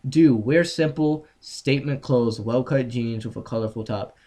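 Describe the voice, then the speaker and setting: A man's voice: medium pitch, moderate pace, dark tone. Young male podcast host, profane and ranty, home mic on a call. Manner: profane, ranting, reads items off a list. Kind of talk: casual podcast banter.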